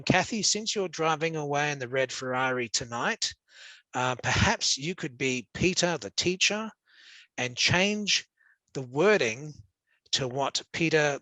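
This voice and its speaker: A man's voice: fairly high pitch, sharp tone, no echo. An Australian man teaching an interactive class, upbeat and joking as he hands out quiz points to encourage his students.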